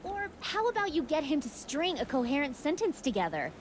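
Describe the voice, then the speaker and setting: Sardonic, animated adventurer woman. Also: sits high, a little fast, background noise. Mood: dry teasing. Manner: dry, teasing. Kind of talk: scripted adventure game dialogue.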